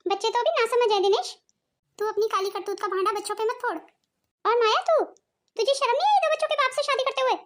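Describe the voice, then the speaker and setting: A woman's voice: very high voice, fast, fairly bright tone. A woman voicing a blunt elderly mother-in-law in a cartoon family drama, who lectures and scolds. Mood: scolding. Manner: scolding, proverb-quoting. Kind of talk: cartoon soap voice acting.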